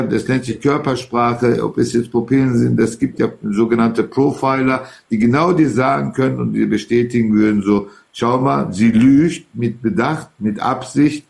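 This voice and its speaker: A man with a gravelly, creaky voice talks politics as a guest on a show. He speaks at a middle pitch, and his delivery is emphatic and rambling, one clause running into the next. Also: a little mellow. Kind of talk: heated political talk.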